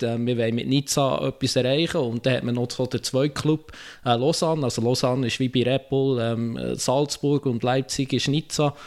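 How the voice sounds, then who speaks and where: A man's voice: medium pitch, darkish tone. A man with a Swiss German accent arguing casually as a panellist, hesitating and often tagging his statements with a question. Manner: ends statements with tag questions, hesitant phrasing. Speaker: football panellist. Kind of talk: casual discussion.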